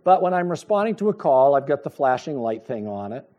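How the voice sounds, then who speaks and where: Animated middle-aged male preacher. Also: medium pitch, fairly quick, highs cut off. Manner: animated storytelling, acts out dialogue, chuckles. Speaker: pastor. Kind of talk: sermon with personal story.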